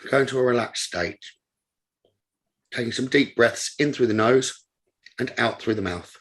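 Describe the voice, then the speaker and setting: Speaking in calm, instructive short phrases separated by pauses, a male meditation teacher guides the listener. His voice is husky and sits at medium pitch.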